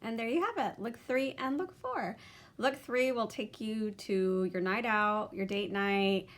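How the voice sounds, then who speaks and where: A woman's voice: medium pitch, unhurried. A young adult woman narrating a makeup tutorial, chatty as she talks through each step of her look. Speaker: beauty vlogger.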